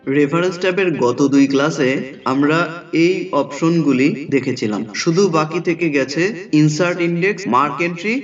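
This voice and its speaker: A man teaching a computer lesson, calmly narrating each click step by step. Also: a little high, normal speed, soft background music. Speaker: software tutorial instructor. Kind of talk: screen-recorded software lesson. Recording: dull lo-fi mic from a distance.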